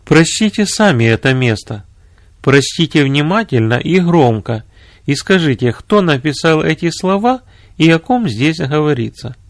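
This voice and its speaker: A man's voice: on the high side, animated, a little slow, dry recording, studio quality. A man voicing an earnest male minister who explains scripture patiently.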